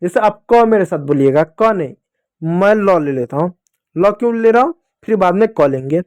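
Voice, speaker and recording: A man teaching young children the Hindi vowel signs, stretching syllables slowly so they can repeat them and fondly calling them dear children. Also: high voice, animated, a little mellow, no echo.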